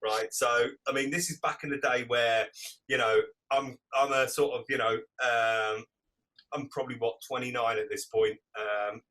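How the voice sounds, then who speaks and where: A man's voice: medium pitch, steady tone, normal speed, pushed and bright, recorded from a distance. Chatty man telling stories. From England. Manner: chatty, laughing, swears, frequent restarts. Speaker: DJ and producer guest. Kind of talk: casual storytelling interview.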